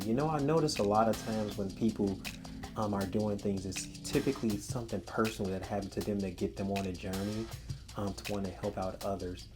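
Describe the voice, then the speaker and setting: A man's voice: fairly low pitch, dark tone. A man hosting an interview, asking rambling questions full of restarts and fillers. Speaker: interviewer, host. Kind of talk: casual interview.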